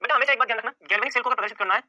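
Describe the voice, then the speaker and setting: A man's voice: very high voice, very fast, bright, forceful tone, dry recording, dull audio. A male chemistry teacher giving an exam-prep lecture, firing off questions and answering them himself and repeating key points over and over.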